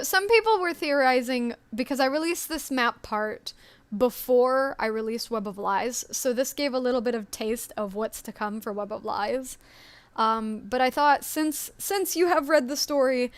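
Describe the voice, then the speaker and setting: A woman with a fairly high voice chats loosely on a live stream, rambling along with plenty of ums and small laughs. Her voice sits close and dry on a home mic. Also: a little slow, clear, resonant tone, no room sound. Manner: chatty and rambling, with frequent ums and little laughs. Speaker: story creator and stream co-host. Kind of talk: casual live-stream chat.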